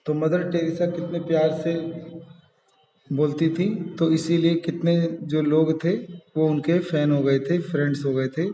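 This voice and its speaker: A man teaching a class, reading the English lines of a poem very slowly and then explaining each one. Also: on the high side, dark tone, a little hiss or hum. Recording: echoey room, far from the mic.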